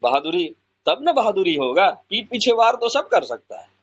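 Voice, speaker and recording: A man's voice: sits high, very animated, slightly rough. Fervent preacher-like man, muffled sound. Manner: fervent, repetitive, swings between loud and slow. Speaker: speaker addressing Pi pioneers. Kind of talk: emotional motivational address.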